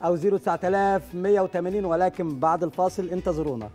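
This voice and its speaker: A man's voice: sits high, fairly even intonation, very fast, loud music behind the voice. A middle-aged man with an Egyptian Arabic accent, hosting a live studio cooking show, chatty as he explains recipes while he cooks. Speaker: TV cooking show chef and host. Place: large TV studio kitchen. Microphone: lapel mic.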